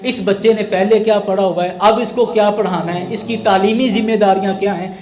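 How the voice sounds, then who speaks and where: A man's voice: high-pitched, steady tone, echoey room, a crowd in the background. A man preaching a sermon as an Islamic scholar, building his points through a chain of rhetorical questions.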